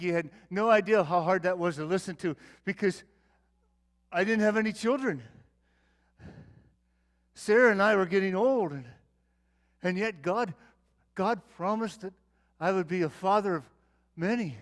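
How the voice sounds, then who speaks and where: A man acting out Abraham, the aging patriarch, talks to his boy in an earnest, fatherly way. The voice sits high for a man, and the monologue swings from loud calls to soft confiding. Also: measured pace, long pauses. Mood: earnest storytelling. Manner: theatrical monologue, calling out, then tender and confiding. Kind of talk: dramatic Bible-character monologue.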